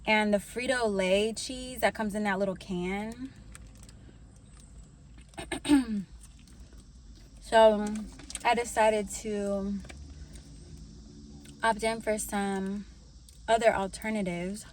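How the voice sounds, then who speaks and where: A young woman talks in a slow, easygoing vlog manner, pausing between her thoughts as she munches a snack. There is a faint hiss of room noise under her voice. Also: mid-range voice. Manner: relaxed, slow and unhurried, talks while snacking. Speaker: vlogger sharing intuitive messages. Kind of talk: casual vlog chat while eating.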